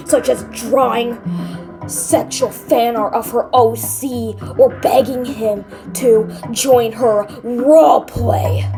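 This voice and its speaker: A woman narrating a scripted first-person horror story in a dramatic storytelling manner. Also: fairly high pitch. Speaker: creepypasta narrator.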